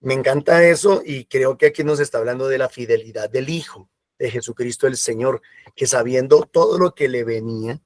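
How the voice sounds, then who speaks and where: A man's voice: medium pitch, fairly quick, no echo, clean studio sound. A man giving a sermon in a conversational style, slipping into quoted voices. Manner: conversational preaching with acted asides and quoted voices. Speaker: preacher.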